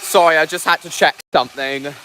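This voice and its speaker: He's a train fan livestreaming casually outdoors at a heritage railway engine, speaking briskly in a slightly high voice with fairly even intonation. He raises his voice and repeats himself often over loud steam engine noise, and the audio quality is poor.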